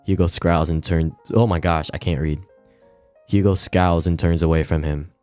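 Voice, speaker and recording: This casual read-along stream features a man with a deep, steady, clear, resonant voice, a little mellow, reading a visual novel at normal speed. Occasional stumbles and giggly comments pop up. Music sits behind him in an echoey room.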